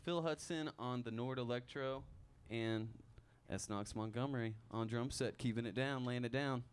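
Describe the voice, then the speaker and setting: A musician and bandleader chats casually during a live radio studio interview, his smooth mid-range voice moving at a moderate pace. Relaxed and chuckling easily, he reels off the names of his band members while the band plays behind him.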